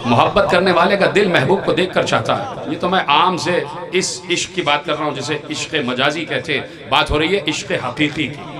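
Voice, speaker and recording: A man with a Pakistani Urdu accent preaching a sermon to a gathering, emphatic and repetitive, calling on the audience to answer. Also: a little high. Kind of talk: religious sermon to a crowd. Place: outdoor gathering with a crowd. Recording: crowd noise behind a public-address voice. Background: crowd.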